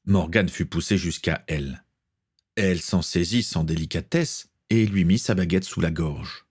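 Male narrator, very deep, husky, steady dramatic storybook reading. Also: normal speed.

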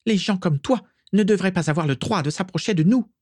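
A man's voice: high voice, fairly quick, a little mellow, dry recording, clean studio sound, pitched above the performer's own voice. A man voicing a haughty, spiteful teenage schoolgirl who sneers with disdain in an audiobook reading. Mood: spitting. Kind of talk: audiobook character voice.

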